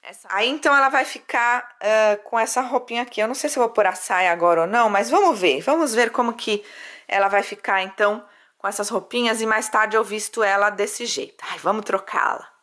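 A woman's voice: fairly high pitch, a little fast, a bit bright. A young Brazilian woman vlogging casually at home, chatty and doting as she talks to her baby. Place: at home, bedroom.

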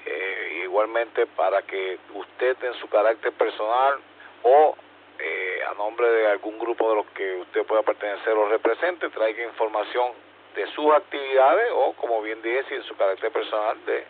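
A man with a fairly low voice and a Puerto Rican accent rambles casually over a ham radio net. The sound is thin, clipped narrowband radio, like a cockpit headset, with faint hum and noise. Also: normal speed. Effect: two-way radio transmission. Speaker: amateur radio net co-host.

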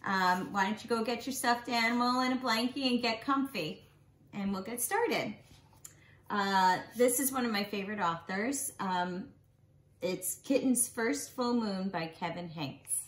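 With an animated, expressive manner, a forties-aged nursery teacher shares a bedtime picture book, lingering on emphasized words for small kids. Her voice sits a little high, and the home recording from her small living room sounds roomy.

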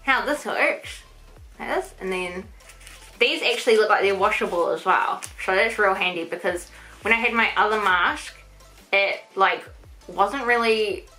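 A woman's voice: medium pitch, a little slow, faint music behind, low-quality recording. A woman reviewing a face mask on camera in a chatty way, talking with a stick in her mouth. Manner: chatty, excitable, says "freaking" and "so crazy". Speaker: beauty vlogger. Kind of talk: casual product review.

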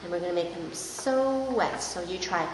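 A woman speech therapist coaching a young child, modelling words in a slow, exaggerated, encouraging way. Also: on the low side, lively intonation. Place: indoors at a table in a hard-walled room. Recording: echoey room, clear background noise.

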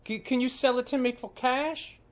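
A man's voice: very high voice, steady tone, normal speed, a crowd in the background. A man playing a needy, pain-ridden male prank caller who pleads insistently in folksy, nonstandard grammar. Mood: insistent, pleading. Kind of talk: prank phone call.

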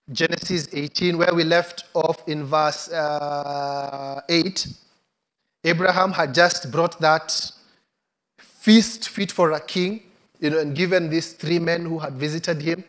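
A middle-aged man preaching a sermon in a relaxed, storytelling way on a large church stage, with a headset mic. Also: a little high, slow pace, pauses often. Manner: conversational storytelling, acts out quotes. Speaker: pastor.

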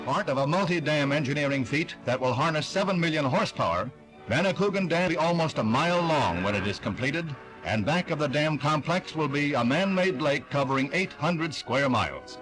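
A man's voice: a little high, lively intonation, brisk, fairly bright tone, low-quality recording. Old newsreel narrator man, upbeat. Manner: upbeat promotional announcer delivery. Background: music.

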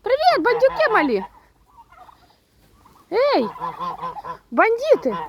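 A woman's voice: high-pitched, background noise. A young woman from Ukraine, filming a casual vlog as she walks around her yard outdoors, chatting to viewers and shooing her birds in a raised voice. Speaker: homestead vlogger. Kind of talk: casual vlog narration while walking the yard. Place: outdoors in a rural yard and garden. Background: geese and turkeys calling.

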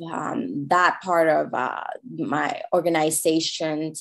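A Hong Kong woman with a Cantonese accent appears as an interview guest, speaking English as a second language in a low, creaky voice. She halts frequently, restarting and using many fillers.

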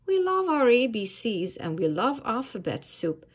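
A woman reading aloud gives the lines of a cheerful band of excited little penguin children, exclaiming in a high, bouncy voice. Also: a little slow, slightly rough, exaggerated voice.

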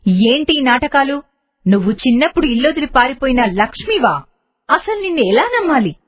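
A greedy, scheming stepmother from an animated storybook, put on by a woman narrator, with a shrill, scolding voice set a little high. The tone is husky and breathy. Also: measured pace, exaggerated voice. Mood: scornful.

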